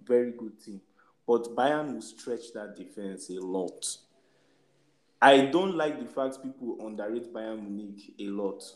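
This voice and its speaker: A man's voice: medium pitch, unhurried, echoey room. A man in a casual sports debate, speaking emphatically and repeating his points for weight. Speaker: football podcast panelist.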